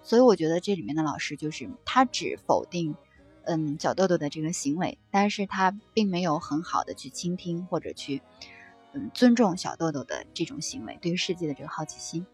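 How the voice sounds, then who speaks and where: A woman reading passages from a book aloud and reflecting on them in a gentle, conversational way, with soft fillers between thoughts. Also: sits low, big pitch swings, fairly quick, slightly rough, faint music behind. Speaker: book-sharing presenter.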